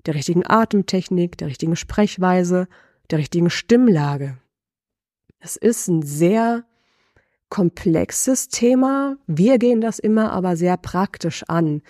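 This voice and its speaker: A middle-aged woman voice coach giving a lesson, asking the listener slow, deliberate reflective questions. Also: on the low side, mellow, dry recording, studio quality.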